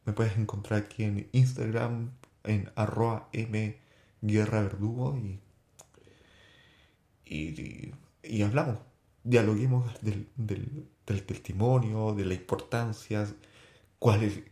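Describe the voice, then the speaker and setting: A man telling a personal faith testimony on his podcast, earnest and halting, with frequent restarts. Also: lowish voice, steady tone, mellow, echoey room. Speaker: podcast host.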